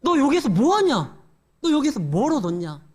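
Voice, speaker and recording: A man's voice: very high-pitched, very animated, moderate pace, a little mellow, husky, pitched above the performer's own voice, full character voice. A man voicing blunt, demanding male spies who fire off questions. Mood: brash.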